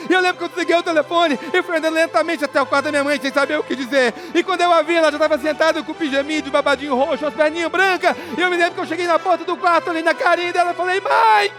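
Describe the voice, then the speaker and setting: A young Brazilian man with a Brazilian Portuguese accent, giving a motivational speech and acting out his own story, swinging from hushed to shouting. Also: very high voice, steady tone, fast talker, hardly any pauses. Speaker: motivational speaker.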